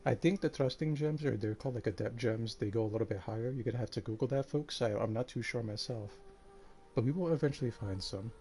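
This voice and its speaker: A man streaming a game live, tired and a bit out of breath, talking in a relaxed, rambling way with lots of fillers. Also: mid-range voice, fast talker. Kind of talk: casual live-stream commentary.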